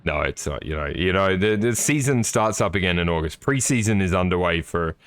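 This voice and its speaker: A man's voice: sits low, lively intonation, fairly quick, fairly bright tone, smooth, no room sound. A man giving live, chatty sim racing commentary with jokey, apologetic asides.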